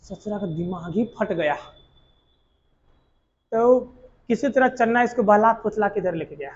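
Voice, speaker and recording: A man's voice: sits high, lively intonation, measured pace, highs cut off. Earthy male teacher telling stories. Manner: earthy colloquial storytelling, quizzing students. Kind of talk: exam coaching lecture told as a story.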